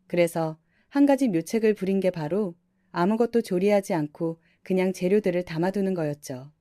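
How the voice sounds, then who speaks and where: A woman narrating a first-person family story in a calm, conversational telling. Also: fairly low pitch, normal speed, no room sound, clean studio sound.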